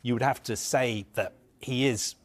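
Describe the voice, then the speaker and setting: A man with a mid-range voice speaks a little slowly, offering live news analysis as a football reporter. He's earnest and emphatic, building his points through lists.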